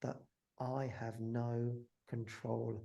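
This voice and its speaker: A man speaks as a podcast guest and reflects in a loose, wandering way. His voice is gravelly and dark in tone. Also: medium pitch, flat delivery, slow. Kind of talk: conversational interview.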